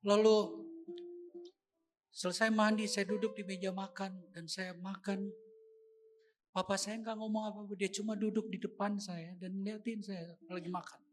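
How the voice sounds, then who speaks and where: A man preaching a sermon, telling a personal story with acted quotes and lively delivery. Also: sits high, moderate pace, pauses often. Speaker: pastor.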